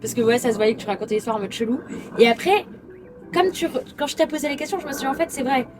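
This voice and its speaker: A woman's voice: on the high side, expressive, rapid-fire, noisy background. Chatty young woman, slangy storytelling. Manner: chatty, slangy, with "genre" and "en mode". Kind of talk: casual chat, telling anecdotes.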